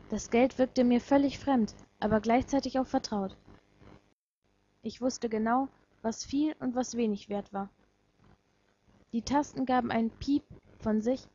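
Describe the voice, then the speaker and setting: A woman narrating a first-person story in a measured, reflective way, her voice husky and mellow yet fairly high. The sound is dull and lo-fi, as from a simple home microphone. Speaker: reader of a fan story.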